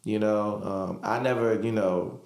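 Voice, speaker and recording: A man in his thirties from Virginia, co-hosting a podcast in a relaxed, chatty way with many fillers. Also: on the low side, unhurried, vocal fry. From Hampton, Virginia. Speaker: podcast co-host. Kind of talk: casual chat. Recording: echoey room.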